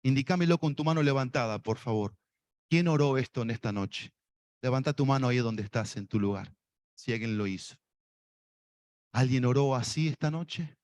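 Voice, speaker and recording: A man's voice: mid-range voice, normal speed, a little mellow, dry recording. A man with a Rioplatense Spanish accent preaching an evangelistic sermon and leading listeners in prayer, with fervent, repeated appeals spoken straight to them. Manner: fervent, repetitive appeals, speaks directly to listeners.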